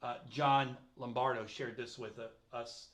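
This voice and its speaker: A middle-aged man hosting a casual livestream chat, animated and reading viewer comments aloud. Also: medium pitch, measured pace. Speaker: host.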